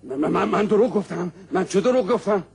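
A man's voice: high-pitched, gravelly, darkish tone, husky, full character voice. An actor playing a fussy, flustered father who stammers and chuckles. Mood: scolding.

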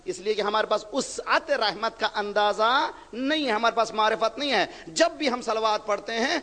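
A man preaching an impassioned sermon, firing rhetorical questions at the audience and swelling to shouts. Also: high voice, animated. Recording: long reverb of a large hall.

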